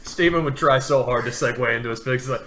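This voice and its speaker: A man's voice: mid-range voice, fast, very noisy. A man co-hosting a casual podcast who makes dry, teasing asides. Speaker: podcast co-host.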